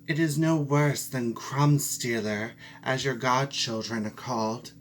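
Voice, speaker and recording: A reader plays a sly female cat from a storybook, speaking slowly. She is greedy and domineering, with a cool, smug, dismissive manner. Faint noise sits behind the voice. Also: mid-range voice, fairly even intonation, close to an everyday voice. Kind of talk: storybook character voice.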